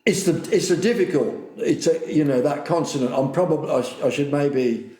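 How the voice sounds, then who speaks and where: A man's voice: a little high, fairly quick, warm tone, echoey room. A man taking a singing lesson who speaks in short, hesitant replies. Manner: brief agreeing replies, hesitant when explaining. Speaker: singing student.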